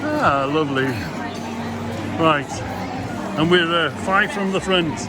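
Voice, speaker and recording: A man with a voice on the high side talks slowly as a casual vlogger, rambling, repeating himself and asking the listener questions. He's out on a city street and inside a busy theatre auditorium, with heavy background noise from music and crowd chatter.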